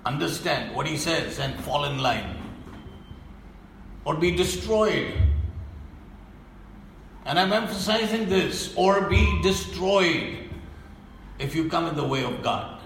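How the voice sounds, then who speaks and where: Slow, gravelly, stern male preacher. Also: lively intonation, a bit bright, reverberant, a little hiss or hum, poor audio. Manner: emphatic and stern, with sweeping drops to a low voice. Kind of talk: sermon.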